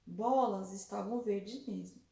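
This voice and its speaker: A woman's voice: mid-range voice, slow pace, vocal fry, warm tone, far from the mic. A woman reading aloud as a cheerful little cartoon girl who loves eating, in a friendly storybook way for children. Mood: grumbling. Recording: echoey room, voice set back from mic.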